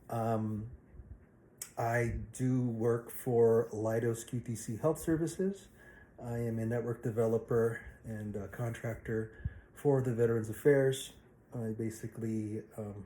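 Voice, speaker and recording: A man in his forties from the Philippines introducing himself to a class in a casual, halting way with many fillers. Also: lowish voice, warm tone, roomy sound, a little hiss or hum, poor audio. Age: 40s.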